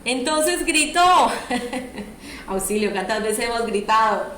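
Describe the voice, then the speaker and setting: A woman's voice: fairly high pitch, lively intonation, takes it slowly, a bit bright. A woman preacher, delivering a sermon and often asking the audience questions. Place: church hall. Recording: echoey church room, faint noise.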